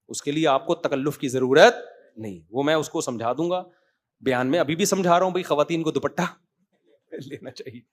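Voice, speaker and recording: A man giving a religious lecture as an Islamic scholar, talking emphatically and conversationally, with frequent rhetorical questions to his listeners, then answering their questions. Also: a little high.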